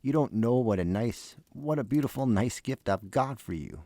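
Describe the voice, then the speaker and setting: A man's voice: mid-range voice, animated, normal speed, warm tone, no echo. A man voicing an anxious, tender young wife, earnest and pleading, in a fireside storytelling reading.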